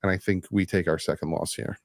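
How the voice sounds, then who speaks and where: A man with a low voice speaks as a podcast guest. His delivery is measured and laid-back, and his voice sounds dry and close. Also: fairly even intonation, no echo. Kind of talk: casual sports chat.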